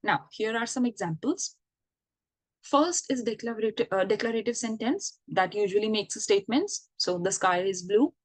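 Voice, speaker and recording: A woman's voice: a little high, lively intonation, normal speed, no echo. A woman giving an online English grammar lesson, explaining patiently and checking in with the listener. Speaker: English teacher.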